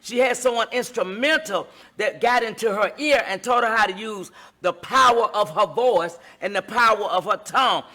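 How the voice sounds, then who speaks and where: A middle-aged woman hosts a relationship advice talk in a preaching style, speaking emphatically with a repetitive, sermon-like cadence. Her voice is medium in pitch, bright and forceful, and she keeps a moderate pace with hardly any pauses.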